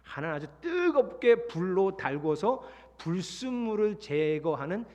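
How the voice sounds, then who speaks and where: Middle-aged male pastor, sermon delivery, high voice, lively, long church reverb. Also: measured pace. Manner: lively, acts out quoted voices, sings hymn lines. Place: large church sanctuary.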